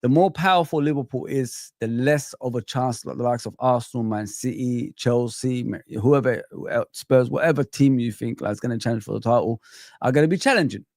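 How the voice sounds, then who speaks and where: A man from Saudi Arabia joins a football talk stream as co-host, his voice sitting at an ordinary middle pitch. He argues in an animated, emphatic way, often repeating words, and his voice sounds dry and close to the mic with no room echo. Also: brisk. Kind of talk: casual football chat show.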